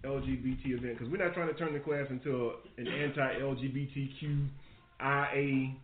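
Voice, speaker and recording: A man's voice: mid-range voice, moderate pace, slight background noise. Man teaching scripture, phone-like echo. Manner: preachy, animated retelling of scripture. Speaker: Bible class teacher. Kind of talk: live-streamed Bible study. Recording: echoey, phone-like stream audio.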